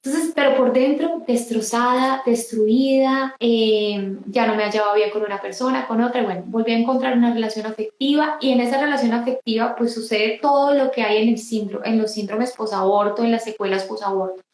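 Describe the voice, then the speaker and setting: A woman giving an emotional personal testimony in an interview, halting and restarting often. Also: fairly high pitch, fairly even intonation, a little mellow, reverberant, poor audio. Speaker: interview guest.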